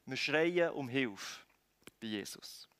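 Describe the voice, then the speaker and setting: A man with a Swiss German accent preaching a sermon, swinging between loud calls and quiet, close lines. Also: medium pitch, animated, slow pace, clear, resonant tone. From Switzerland.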